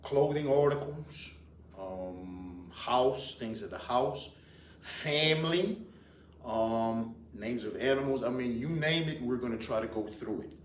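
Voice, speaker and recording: Male language teacher, Louisiana Cajun accent, deliberate and repetitive, slow delivery, picked up by a distant mic. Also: medium pitch. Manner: deliberate, repetitive, with hesitant pauses. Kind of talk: informal lesson, explaining and repeating words. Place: indoors in a library. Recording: roomy, distant mic, faint noise.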